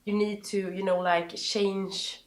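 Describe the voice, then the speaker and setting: Woman, Swedish accent, native Swedish speaker, slow pace, halting interview answers with searching pauses, roomy echo. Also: mid-range voice, level tone. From Sweden. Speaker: interview guest. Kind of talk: interview answers, personal advice. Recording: roomy, echoing sound.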